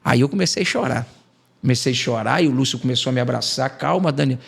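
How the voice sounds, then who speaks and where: A man's voice: mid-range voice, fast, creaky, husky. A man from Brazil, an evangelist giving an emotional testimony on a podcast and acting out the dialogue. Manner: animated storytelling, acting out quoted dialogue. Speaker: evangelist guest.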